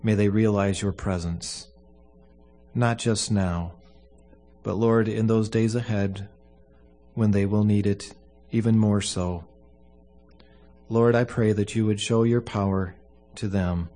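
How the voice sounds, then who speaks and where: A man speaking as a pastor at a funeral service, giving a solemn, earnest prayer in measured short phrases. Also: lowish voice, fairly even intonation, dark tone, faint music behind.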